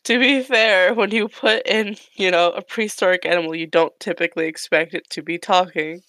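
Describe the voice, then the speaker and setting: A woman's voice: on the low side, brisk, a bit bright, no room sound. A woman casually describing her character's actions as a tabletop player, feeling her way through informally. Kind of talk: casual game narration.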